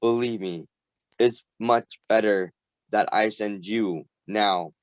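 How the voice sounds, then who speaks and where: A vain, haughty goddess brushes off every question with imperious ease, read aloud by a man. The delivery is slow and fairly low, as in a storybook reading. The recording is dull, lo-fi and dry. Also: clean tone, no room sound. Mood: dismissive.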